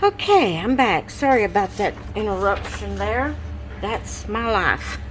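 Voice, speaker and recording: A woman's voice: mid-range voice, animated, a little slow, a little hiss or hum, low-quality recording. A woman chatting casually to her camera at home about her coloring pages, drowsy and yawning, apologizing and trailing off mid-sentence. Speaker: vlogger showing coloring pages.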